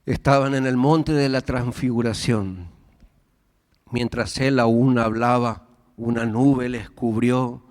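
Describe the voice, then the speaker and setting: A man with an Argentine accent preaching a sermon in church, swinging between raised and hushed delivery. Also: medium pitch, steady tone, slow. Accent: Argentine Spanish. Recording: church hall reverb with faint music.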